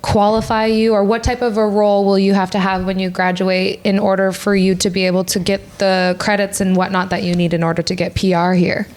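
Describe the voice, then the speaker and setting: A woman's voice: medium pitch, little pitch movement, brisk, few pauses, a little mellow. A young woman hosting a podcast, chatting casually and asking long, rambling questions. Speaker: podcast host. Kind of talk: casual interview chat.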